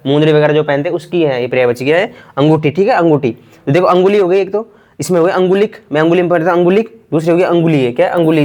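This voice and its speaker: Fast-talking male grammar teacher. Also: on the high side, a little mellow. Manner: repetitive, quizzing himself aloud; casual, addresses students as bhai. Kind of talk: exam prep lesson.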